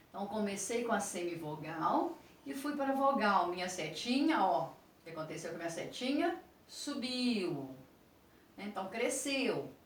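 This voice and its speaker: A woman teacher with a Brazilian Portuguese accent giving a video lesson to sixth graders, explaining slowly and asking the class questions as she goes. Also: a little high, a bit bright. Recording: roomy echo, voice from a distance, faint noise.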